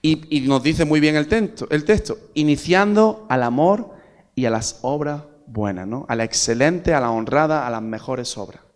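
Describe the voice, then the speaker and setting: A man from Spain preaches a sermon in a slightly high voice. He keeps asking the congregation rhetorical questions. He climbs to loud, emphatic peaks and then drops to quiet asides. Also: lively intonation, moderate pace. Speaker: pastor.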